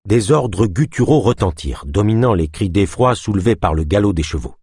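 A man reading an adventure audiobook in a low, husky voice. His delivery swings widely in pitch. The sound is dry and close. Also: moderate pace, no echo. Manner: expressive storytelling. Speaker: narrator. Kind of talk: audiobook narration.

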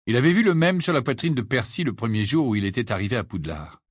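A man narrates an audiobook with lively, dramatic swings in tone. His voice has a husky grain, recorded close on a studio mic with a dry sound. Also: medium pitch, fast talker, no echo. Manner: animated, dramatic storytelling. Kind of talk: expressive audiobook reading.

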